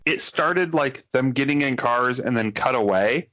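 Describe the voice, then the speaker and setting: Man with a lively, laughing podcast voice. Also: medium pitch, unhurried, dry recording, dull audio. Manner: hesitant, laughing, backtracking asides. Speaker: podcast guest. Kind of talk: casual chat about a film.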